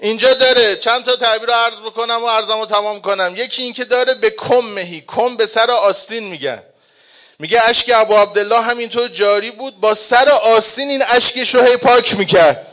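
A man preaching a mourning sermon, chanting the lament slowly and drawn-out, swinging between hushed and loud. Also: very high-pitched. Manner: slow, drawn-out delivery.

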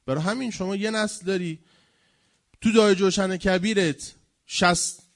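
Guy preaching, lively, slightly high voice, mocks folks in voices, gets loud then quiet. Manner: animated, mocking impressions, swings between loud and quiet. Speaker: religious lecturer. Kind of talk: religious lecture to an audience.

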